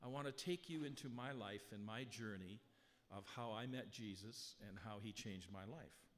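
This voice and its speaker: This is a man preaching from the pulpit, his strong voice on the low side. He talks with the congregation conversationally and uses rhetorical questions, but slows right down for slow, emphatic readings of scripture. Recorded in a church sanctuary on a handheld or stand mic with live sound adjustment, it has a long hall reverb.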